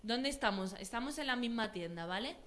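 A woman's voice: fairly high pitch, lively intonation, a little fast, a bit bright. A woman teacher reading a story aloud with a student, asking questions and encouraging him. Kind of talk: guiding a student through a read-aloud story.

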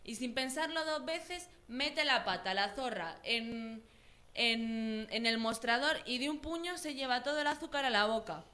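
A woman teacher with a bright, ringing, high-ish voice leads a student through a story, narrating with lively energy. She keeps asking encouraging questions. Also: measured pace. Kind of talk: guiding a student through a read-aloud story.

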